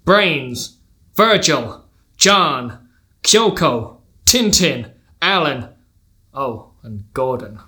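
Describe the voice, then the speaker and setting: A man voicing a stern American father who leads a rescue team, in a put-on American accent, slow and dismissive. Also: medium pitch, expressive, sharp tone, voice pushed down, full character voice. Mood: solemn.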